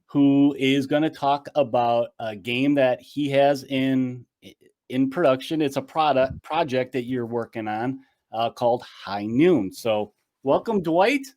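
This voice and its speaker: A man's voice: medium pitch, a little slow, a little mellow. A man hosting a podcast interview, introducing his guest in an easygoing, upbeat way. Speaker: podcast host.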